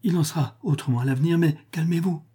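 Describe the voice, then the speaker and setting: Man doing a soft, anxious emperor. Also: on the high side, fast talker, slightly rough, voice pushed up. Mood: pleading. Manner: soft, sighing, beseeching. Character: weak anxious emperor, gentle and pleading.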